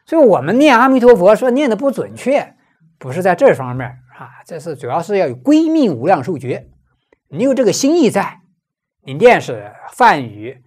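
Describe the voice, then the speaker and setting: Brief: low-voiced woman teacher, animated lilt, walks listeners through a Buddhist text with rhetorical questions. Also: slightly rough. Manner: explanatory, asks and answers own rhetorical questions. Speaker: Buddhist lecturer. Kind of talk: scripture commentary lecture.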